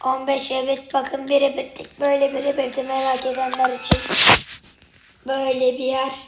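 A woman's voice: high voice, completely flat delivery, moderate pace. A young woman with a strained, partly lost voice gives casual gameplay commentary, muttering to herself in short bursts. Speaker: gaming video creator. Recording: roomy, loud noise and clicks.

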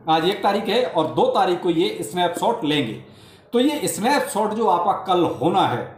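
A man giving casual, chatty crypto updates to his viewers, often calling them brother and repeating filler phrases. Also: high voice. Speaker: crypto YouTuber. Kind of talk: casual explainer talk to viewers. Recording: roomy echoey room sound.

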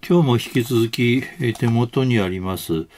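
A man reading a first-person wartime testimony aloud, slow and measured, after a short introduction with hesitant fillers. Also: mid-range voice, a little mellow. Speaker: board member of a local record-keeping group, reader.

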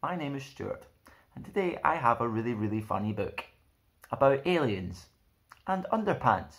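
An animated young adult man hosts children's storytime, reading a picture book expressively and presenting in a friendly way from a small, plain indoor room. His voice is medium-pitched with some vocal fry, and he keeps a moderate pace.

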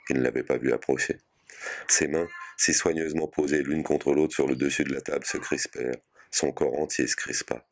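A man reading a short story aloud in a measured, sober way. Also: extremely low pitch, steady tone. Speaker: reader.

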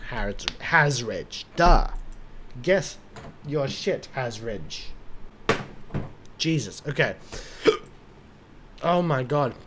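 A man's voice: a little high, noisy background. A drunk man giving casual, rambling commentary on a game, swearing and talking to himself. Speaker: gaming commentator.

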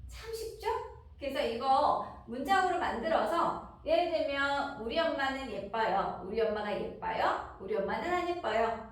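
A woman's voice: high-pitched, lively intonation, normal speed. A woman teaching English grammar to children in a patient, sing-song way, asking questions and acting out the children's answers. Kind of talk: recorded grammar lesson for children. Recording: roomy, distant, faint noise.

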